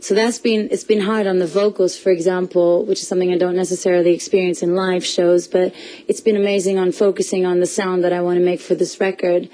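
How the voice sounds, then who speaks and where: A woman's voice: lowish voice, level tone, a little fast, dark tone, poor audio. A young woman from Portugal, a musician being interviewed on radio, chatty with frequent laughs and restarts. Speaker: musician guest. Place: radio studio.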